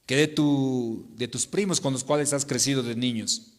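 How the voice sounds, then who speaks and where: A man preaching a sermon to his congregation, swinging between loud declarations and hushed pleas. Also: medium pitch, moderate pace. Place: church sanctuary. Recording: long church reverb.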